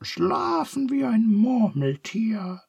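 A man voicing Charles, a small storybook companion with a squeaky, excited voice. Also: slow, vocal fry, breathy edge, no room sound, full character voice. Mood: sleepy.

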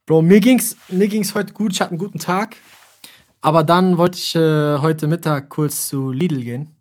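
Young man, podcast host, casual chat, playful, exaggerating, slightly high voice. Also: fairly even intonation, normal speed, a little mellow. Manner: joking, playful, exaggerated storytelling.

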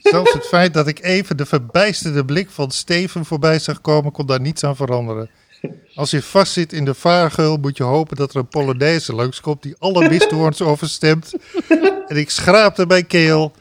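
Guy reading a comic story aloud, high-ish voice, bursts into chanting and laughs, dead dry mic. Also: moderate pace, no room sound. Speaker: reader of a book passage on a talk show.

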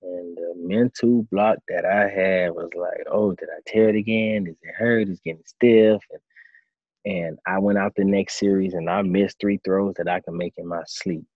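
A man in his thirties, a former quarterback turned coach, answering interview questions in a relaxed storytelling way. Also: low voice, a little slow, dry recording, narrow, tinny audio. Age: 30s. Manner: relaxed storytelling, acts out his own past thoughts.

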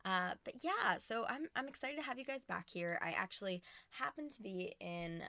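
Woman podcaster, recorded inside a closet, dead dry sound, earnest casual chat, vocal fry. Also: medium pitch, lively intonation, moderate pace, sharp tone, no echo. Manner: chatty and earnest, with frequent restarts. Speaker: podcast host. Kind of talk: casual solo podcast talk. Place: small empty closet in a family cabin.

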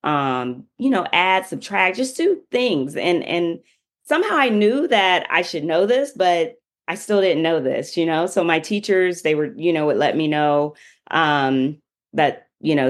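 Woman guest, lowish voice, chatty storyteller, casual interview. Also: animated, unhurried. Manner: chatty, many fillers like "you know".

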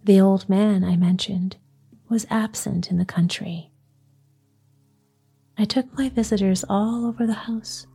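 A woman reading a story aloud in a soft, breathy whisper, storytelling at bedtime. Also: mid-range voice, steady tone, a little slow, long pauses, soft background music.

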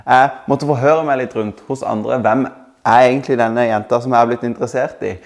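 A man in his thirties preaching a sermon as a pastor, calm and reflective, slowing down to stress key words. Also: mid-range voice.

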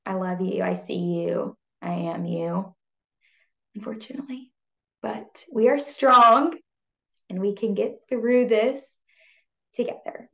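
Slow, earnest young woman podcaster. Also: medium pitch, fairly even intonation, gravelly, lo-fi sound. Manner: earnest and tender, slow with soft pauses. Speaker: podcast host. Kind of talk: personal faith podcast monologue.

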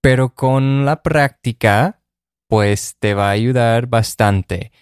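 Sex: man. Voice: smooth. Pace: very slow. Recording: dry. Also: medium pitch, no echo. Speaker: co-host of a language podcast. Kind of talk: conversational language lesson podcast.

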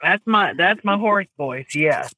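A woman's voice: fairly low pitch, takes it slowly, dry recording, poor audio. A comedian woman with a Southern US accent, chatting casually and animatedly in an interview. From American South. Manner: chatty, animated, laughs easily. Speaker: comedian guest.

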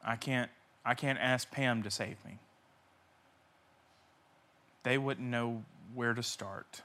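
A man pastor preaching a sermon with passion, swinging between loud cries and hushed near-whispers, repeating key phrases for emphasis. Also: medium pitch, steady tone, takes it slowly.

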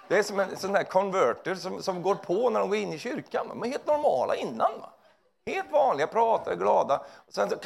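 A male preacher with a deeply gravelly, creaky voice delivers an animated, humorous sermon. His pitch sits a little high and leaps all over as he jokes. He keeps tossing quick tag questions at the congregation. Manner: animated, joking, tags lines with "va?".

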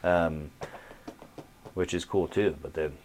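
A man's voice: deep voice, steady tone, slow pace, a little mellow, slight background noise. A man co-hosting a podcast, chatting casually in a joking, crude, teasing way. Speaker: podcast co-host. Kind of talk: casual chat.

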